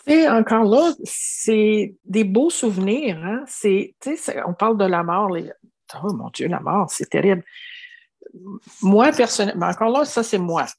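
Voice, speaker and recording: Her mid-range voice is creaky, a little mellow and edged with breath, animated yet unhurried. A 70-something interviewee from Quebec with a Québécois French accent, she earnestly reflects on her life, frequently starting over and saying "tu sais."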